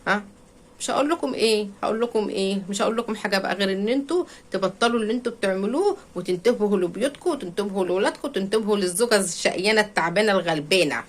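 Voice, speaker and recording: A woman's voice: mid-range voice, very fast. An Egyptian woman life coach delivering a direct advice monologue, scolding and sarcastic, repeating words over and over for emphasis.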